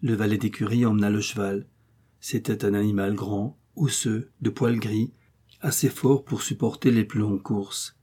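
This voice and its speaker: A man narrating a novel as an audiobook in a steady, measured reading. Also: lowish voice, husky. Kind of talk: scripted narration.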